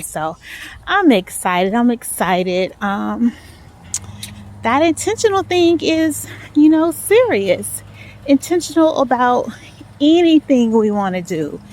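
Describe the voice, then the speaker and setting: Out on a walk through a residential neighborhood, a vlog host with a fairly high, slightly mellow voice gives her followers a casual pep talk, repeating phrases for emphasis. The outdoor audio is clear, with ambient sound and passing vehicles.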